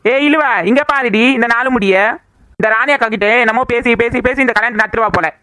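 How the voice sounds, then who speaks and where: A woman voicing a chatty, bossy young village woman in a cartoon, talking fast and scolding. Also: fairly high pitch, pushed and bright, no echo. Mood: plotting. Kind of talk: cartoon voice acting.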